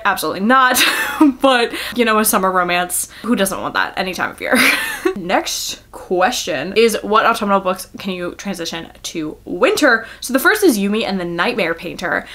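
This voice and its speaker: This casual vlog features a young woman talking about books in a mid-range, somewhat bright voice. Her manner is loose and rambling, full of giggles and self-deprecating remarks.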